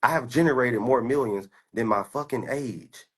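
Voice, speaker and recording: A man's voice: mid-range voice, moderate pace, fairly bright tone, slightly rough. A man in his twenties from the United States, a stock trader giving a boastful, profane, confrontational rant while showing his screen. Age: 20s.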